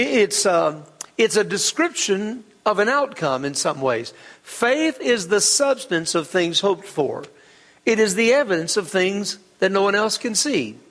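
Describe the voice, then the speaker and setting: A male pastor with a drawl delivers a sermon in a noticeably high voice. He tells homespun stories and slows right down to lean on the words that matter. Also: fairly bright tone, big-room sound. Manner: folksy storytelling, slows for emphasis.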